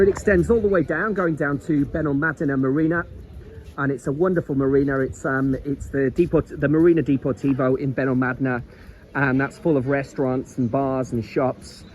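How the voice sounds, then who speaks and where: On a low-quality recording with a little hiss or hum, an English travel vlogger with a Liverpool accent wanders a seaside promenade outdoors. His voice is medium-pitched and a bit mellow, and his guiding is chatty and rambling, with repeated words.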